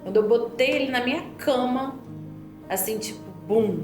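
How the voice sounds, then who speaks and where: A woman with a Brazilian accent, chatting casually and telling lively, emotional stories. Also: on the high side, moderate pace. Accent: Brazilian Portuguese. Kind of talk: casual chat. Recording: roomy sound with music behind.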